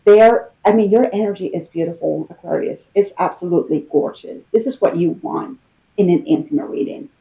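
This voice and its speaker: A woman giving an intimate tarot reading in a casual, conversational manner, with unhurried, drawn-out emphasis and a mellow, soft-edged voice. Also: fairly low pitch, vocal fry, poor audio. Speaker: tarot card reader.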